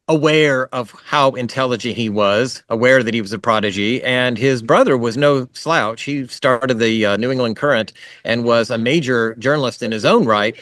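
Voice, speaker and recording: A man's voice: medium pitch, a bit bright, dry recording, studio quality. Man giving a chatty history lecture. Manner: conversational, with fillers and asides. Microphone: video call.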